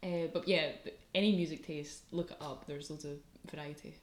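A young woman with a light Scottish accent and a low-sitting, steady voice chats briskly as a student guest on a podcast. She laughs often and fills her speech with fillers, and the sound is reverberant.

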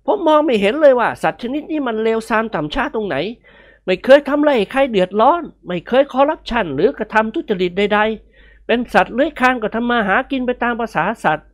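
A woman voicing a cheeky, quick-tempered young man who argues playfully in a storybook reading. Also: a little high, voice pushed up, close to an everyday voice. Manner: playful, argumentative.

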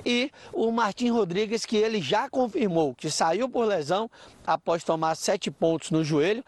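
A man with a Bahian Brazilian accent giving a live football news report, wordy and correcting himself as he goes. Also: on the high side. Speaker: sports reporter.

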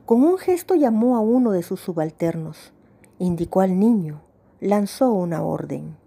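A woman reads a story aloud in a calm, measured way. Her tone is dark and mellow, with no brightness in it. She keeps an even storytelling pace throughout. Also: medium pitch, creaky, slightly rough. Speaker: narrator. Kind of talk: audiobook story reading.

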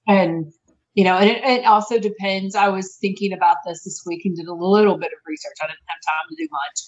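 Woman, podcast co-host, thoughtful and halting, dull lo-fi sound. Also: medium pitch, fairly even intonation. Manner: reflective, with frequent restarts and fillers. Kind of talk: casual podcast chat.

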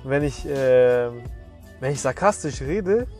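A man's voice: mid-range voice, lively intonation, takes it slowly, a little mellow, faint music behind. A young man in casual chat, slangy and joking with sarcastic asides.

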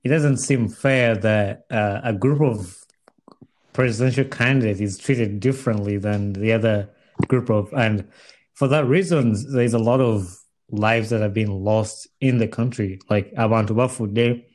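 A male talk show host with a fairly low voice and a Ugandan East African accent. He speaks in a conversational interviewing style, introducing things and putting questions to a guest. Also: a little slow, a little mellow.

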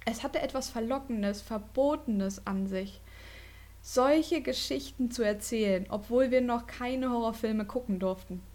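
Brief: female podcast host narrating a spooky tale with dramatic delivery, voice on the higher side. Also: a little mellow. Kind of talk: reading a ghost story aloud.

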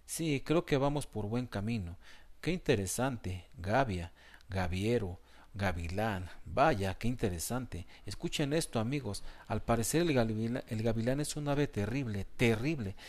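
A man's voice: mid-range voice, moderate pace, darkish tone, lightly acted. A man voicing a fretful, bookish know-it-all male cat who keeps wailing that everything is terrible, in a storybook reading. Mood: eager. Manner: frantic, repeats "terrible".

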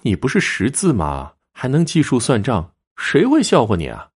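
A man's voice: medium pitch, wildly swooping pitch, moderate pace, husky, voice pushed up. A man doing a cold, strict widowed mother. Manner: curt and cold.

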